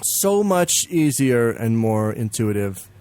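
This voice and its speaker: A man co-hosting a podcast in casual chat, swearing freely, laughing often and jumping into high silly voices to mimic games. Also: big pitch swings, takes it slowly, warm tone, clean tone. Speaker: podcast co-host.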